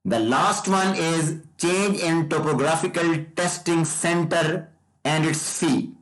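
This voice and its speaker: A man teaching as a licensing trainer, explaining rules slowly and repeating key points. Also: fairly high pitch, fairly bright tone, low-quality recording. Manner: slow, repetitive, deliberate explaining. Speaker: driver licensing trainer and tutor. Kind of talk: explanatory lesson presentation.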